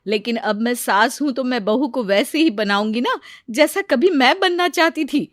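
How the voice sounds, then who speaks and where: Woman doing a gentle, kindly mother-in-law. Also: sits high, normal speed, dry recording, studio quality, pitched above the performer's own voice. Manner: calm, kindly, reassuring. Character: gentle, patient middle-aged mother-in-law. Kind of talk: cartoon story voice acting.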